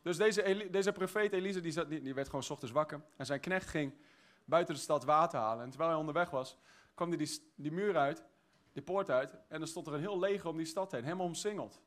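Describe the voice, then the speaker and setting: A man preaching a sermon, exuberant, swinging from shouted praise to quiet, chatty storytelling. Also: a little high, fast. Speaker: pastor.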